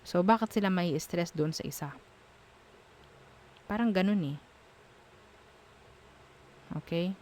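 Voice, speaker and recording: A woman reading tarot cards in a casual, frank way, thinking aloud as she goes. She speaks slowly in a somewhat low voice. Faint background noise sits under her talk. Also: darkish tone. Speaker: tarot reader.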